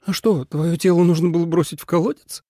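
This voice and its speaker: A man's voice: sits high, animated, a little fast, warm tone, slightly rough, no echo, clean studio sound, pitched above the performer's own voice. Snappish snake demon woman, a man's put-on voice. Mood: sarcastic. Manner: snappish, sarcastic.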